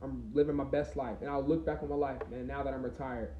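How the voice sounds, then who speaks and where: A man's voice: medium pitch, fairly even intonation, fast talker, a little hiss or hum. Young man musing on a podcast. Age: 20s. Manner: rambling, reflective, many fillers and restarts. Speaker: podcast host. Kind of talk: casual solo podcast talk. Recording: roomy, slightly dull recording.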